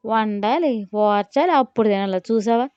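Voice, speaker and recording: A woman's voice: a little high, normal speed, a little mellow, clean tone, no echo, natural voice. Brash, teasing young man in love, read by a woman; dry, slightly dull sound. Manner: mocking, playful banter.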